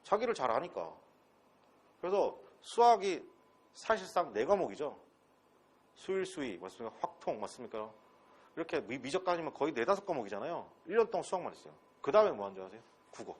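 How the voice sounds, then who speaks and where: A slightly rough, a-little-high voice drives this very animated, fairly quick lecture by an English instructor at a transfer-exam academy. He hails from Pohang, South Korea, speaks with a Gyeongsang accent, and keeps it blunt and casual, dropping crude slang and hurling rhetorical questions at the class.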